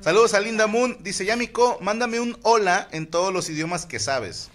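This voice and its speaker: A man's voice: high-pitched, expressive, moderate pace. A man with a Mexican accent hosting a casual podcast, reading listener messages aloud with crude jokes. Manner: crude joking, reads shout-outs aloud. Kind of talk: casual group banter.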